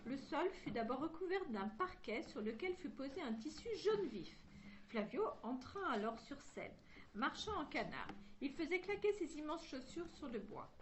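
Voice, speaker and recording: At a normal speed, a woman with a high voice and large pitch swings reads aloud a chapter from a children's novel. She gives every character's lines in turn, all in one voice, making occasional slips and restarts. A little hiss or hum can be heard.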